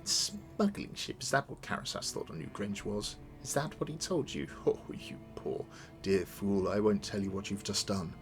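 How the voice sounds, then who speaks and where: A man's voice: lowish voice, lively intonation, fairly quick, hardly any pauses, soft background music, natural voice. A man voicing a proud, scornful captured villainess from a video game, with the threatening manner of a sputtering foiled villain. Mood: mocking. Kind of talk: dramatic read-aloud of video game dialogue.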